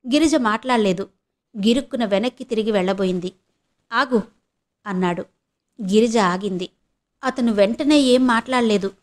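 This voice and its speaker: Woman from vizag narrating a novel, steady, a bit high voice. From Visakhapatnam, India. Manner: steady storytelling. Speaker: audiobook narrator. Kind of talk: audio novel reading.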